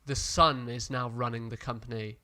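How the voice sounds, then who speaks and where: A man's voice: medium pitch, fairly even intonation, moderate pace, bright, forceful tone. A man co-hosting a film podcast, chatting casually and rambling with lots of fillers. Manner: rambling, hesitant, full of fillers. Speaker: podcast co-host. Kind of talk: casual chat.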